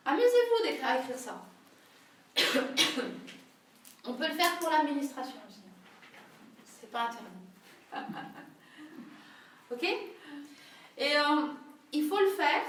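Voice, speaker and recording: A woman leading a group workshop in a conversational teaching manner, often checking in with her listeners. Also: sits high. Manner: conversational, frequent tag questions. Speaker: workshop leader. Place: room with a small group. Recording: very echoey room, far from the mic.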